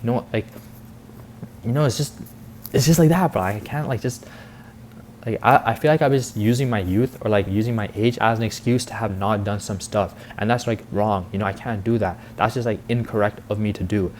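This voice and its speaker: The speaker, an eighteen-year-old vlogger and content creator, has a lowish, slightly mellow voice and talks fairly quickly. He rambles in a casual, confessional monologue, heavy with youth slang, filler words, and frequent "like" and "bro." A little hiss or hum runs through the audio.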